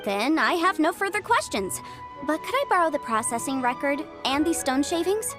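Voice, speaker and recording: An actress playing a confident young legal advisor in a game, brisk, self-assured and a little playful. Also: female voice, high voice, very animated. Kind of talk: game voice acting. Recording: studio voice over game music.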